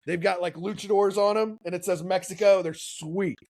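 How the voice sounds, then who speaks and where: In casual podcast chat, a co-host from Kansas City rambles through a long story and performs the quotes he recounts. His voice sits high and a little mellow, with fairly even intonation at normal speed, in a dry recording.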